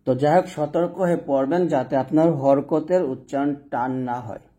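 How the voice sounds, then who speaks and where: A man teaching an online Quran reading lesson, drawling each letter sound slowly and then explaining quickly. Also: fairly high pitch, dark tone.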